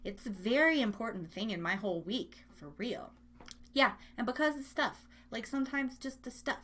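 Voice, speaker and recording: A slightly high voice with lively intonation and a bit of brightness moves at normal speed here. The speaker, a live radio and podcast host, chats casually on her online show, rambling playfully and often interrupting herself while speaking directly to her audience.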